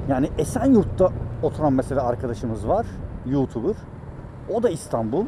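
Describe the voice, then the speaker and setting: A man's voice: medium pitch, sing-song, fairly quick. A man talking casually and ramblingly to viewers from inside a helmet as he rides a motorcycle through city traffic, in a motovlog style. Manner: rambling, conversational, addresses viewers directly. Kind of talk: casual vlog chat while riding a motorcycle. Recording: loud traffic and engine noise.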